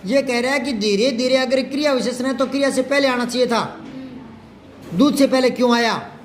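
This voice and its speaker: A man teaching a Hindi grammar lesson to a class, patiently repeating example sentences slowly. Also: very high voice, a little hiss or hum.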